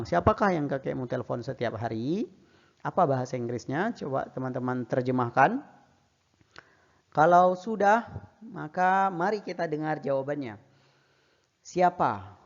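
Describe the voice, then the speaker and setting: A man teaching a beginners' English lesson online in an Indonesian accent, patient and encouraging, repeating each sentence slowly. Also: medium pitch, vocal fry, lo-fi sound.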